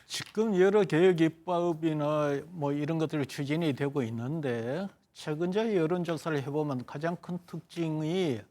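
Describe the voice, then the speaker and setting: A man's voice: fairly high pitch, moderate pace, hardly any pauses, darkish tone. Analytical man explaining poll numbers. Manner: analytical, explains figures at length. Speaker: pollster on a panel. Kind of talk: TV current-affairs panel discussion.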